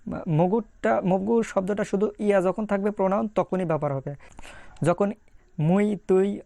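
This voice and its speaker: A man teaching an online language lesson, repeating each phrase slowly with frequent "ah" fillers. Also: high voice, vocal fry, warm tone, no room sound.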